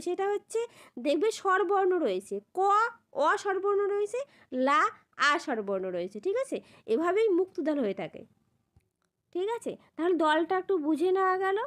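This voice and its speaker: Woman teacher, high and very animated pitch, patient and step-by-step, repeatedly checks that students understand. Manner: repeats a checking question at the end of each point; spells out syllables slowly. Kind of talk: classroom grammar lesson.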